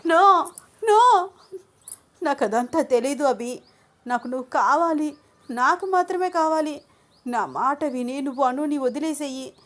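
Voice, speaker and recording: A woman voicing an obsessive, jealous young woman who pleads in a shrill, tearful voice. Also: normal speed, lightly acted. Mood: unhinged. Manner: shrill, tearful, desperate begging.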